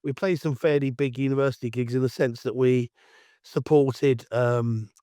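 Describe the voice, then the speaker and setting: A middle-aged man from Essex with an Essex accent and a croaky, hoarse voice from allergies, talking as a guest in a rambling, chatty way. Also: medium pitch, fairly even intonation, normal speed, dry recording, studio quality. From Essex, England. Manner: rambling, chatty, self-styled loudmouth. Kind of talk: casual interview chat.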